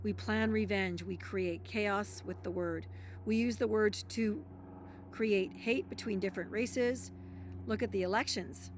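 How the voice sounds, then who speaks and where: Female self-help speaker, mid-pitched, reading a book aloud with emphatic asides. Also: steady tone, measured pace, slight background noise.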